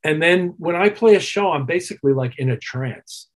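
This keyboard player, a guest in an interview, has a slightly high voice with lively intonation at a moderate pace. He talks in a reflective, conversational way and repeats phrases to stress his points.

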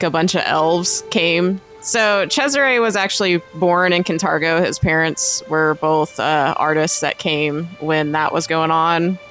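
Woman, podcast regular, lowish voice, relaxed explainer, faint music under. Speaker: podcast co-host and player. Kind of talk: casual podcast chat.

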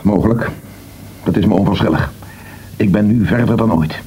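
A man's voice: lowish voice, normal speed, mellow, slight background noise, lightly acted, rough recording. An actor playing a defiant man who doubts the fixed hour of death, with an intense, probing manner, in a radio drama.

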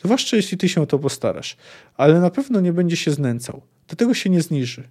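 Man plays a firm, cold young sorceress in a book reading; clipped delivery, slightly raised pitch. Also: big pitch swings, brisk, a little mellow. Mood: stubborn. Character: frightened then resolute young female sorceress.

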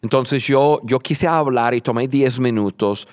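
A man's voice: mid-range voice, a little slow, darkish tone, no room sound, clean studio sound. A man co-hosting a podcast who talks earnestly and repeats words as he builds a point. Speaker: podcast co-host.

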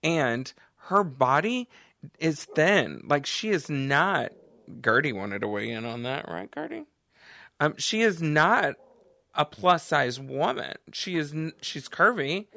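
Bright-voiced chatty male podcast host. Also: a little high, gravelly, no echo. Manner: chatty, expressive, quick laughs. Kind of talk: casual chat.

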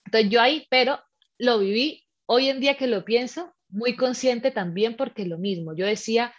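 A woman telling a personal story in casual chat, animated and acting out the scenes with her voice. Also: on the high side, moderate pace. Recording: slightly muffled lo-fi recording.

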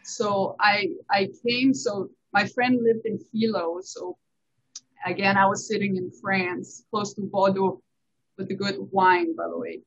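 Husky woman telling stories. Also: medium pitch, a little slow. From Denmark. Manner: animated storyteller, laughs often. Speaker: tax accountant guest. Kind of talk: casual interview chat. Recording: dull lo-fi recording.

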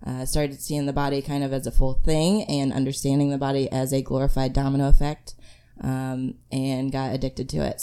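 A woman's voice: a bass voice, dark tone, clean tone. A woman physical therapist, a guest on a podcast, who is losing her voice and speaks earnestly. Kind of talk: casual podcast chat.

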